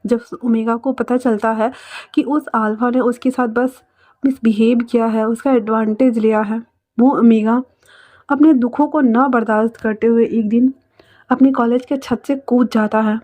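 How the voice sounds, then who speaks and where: A woman narrating a dramatic fan fiction story in an emotive, halting way. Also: a little high, fairly even intonation, mellow. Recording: dull lo-fi recording.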